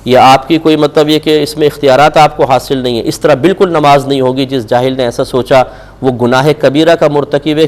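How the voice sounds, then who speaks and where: A man's voice: mid-range voice, darkish tone. A man with a Pakistani Urdu accent answering religious questions on a live TV show, speaking firmly and admonishingly with rhetorical questions.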